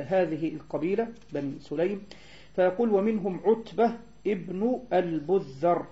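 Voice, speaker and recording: A man teaching a lesson on hadith sciences, explaining terms and slowing down to recite verses and spell out letters. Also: on the high side, mellow. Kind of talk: classroom lecture. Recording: dull lo-fi recording.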